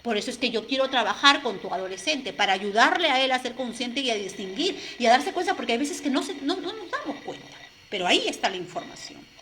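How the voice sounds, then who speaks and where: A woman's voice: on the high side, lively intonation, fast, a bit bright, a little hiss or hum. A woman life coach speaking earnestly and directly to listeners in a motivational talk, often checking in with "no?".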